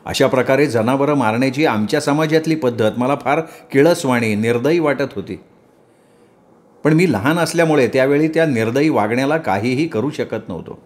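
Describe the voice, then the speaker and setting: A man narrates a memoir novel in a steady, measured way. His voice sits at an ordinary middle pitch, and he reads in the first person as a practised storyteller. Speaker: storyteller reading a novel aloud.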